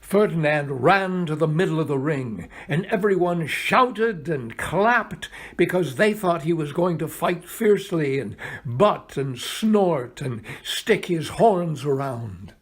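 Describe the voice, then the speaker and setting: A man reads a picture book aloud for children in a fairly high voice with a slightly husky edge. His delivery is unhurried and very expressive, with dramatic pauses and plenty of melodic movement as he speaks to young listeners. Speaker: volunteer storybook reader.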